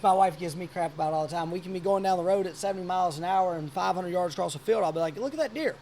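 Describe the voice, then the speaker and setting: A man around forty hosting a podcast, telling a hunting story in a rambling, animated way. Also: high voice, racing, a little hiss or hum. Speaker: podcast host. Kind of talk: casual chat.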